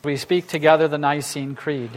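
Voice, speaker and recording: A man speaking as a pastor leading liturgy in a solemn, measured, formal way, in a large echoing church. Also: a little high, fairly even intonation. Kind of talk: liturgical sermon, creed recitation and blessing. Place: large reverberant church, indoors. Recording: long cathedral-like echo of large church.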